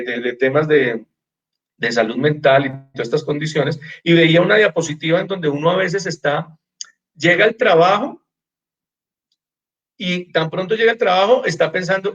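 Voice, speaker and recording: A man with a Colombian accent, a doctor giving an informal wellness lecture, telling patient stories and softly acting out their replies, often repeating words as he searches. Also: a little high, muffled recording. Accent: Colombian Spanish. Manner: animated storyteller, acts out patients' replies softly.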